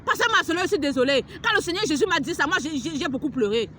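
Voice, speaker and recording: Woman street preacher, very high and bright, fervent and scolding, heavy on repetition and rhetorical questions, recorded outdoors at a beach with faint traffic behind. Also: sing-song, fast. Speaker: preacher delivering a prophetic message. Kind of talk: impassioned outdoor preaching to camera.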